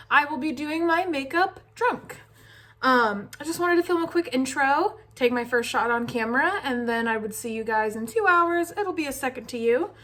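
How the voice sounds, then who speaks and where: Young female beauty vlogger, fairly high voice, casual, self-deprecating. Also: a bit bright. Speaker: makeup vlogger. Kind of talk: casual chat to viewers.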